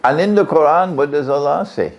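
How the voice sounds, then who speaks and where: A man preaching a sermon, questioning his audience often. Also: fairly quick. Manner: questions the audience, varies his pitch widely. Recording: lo-fi, dull sound.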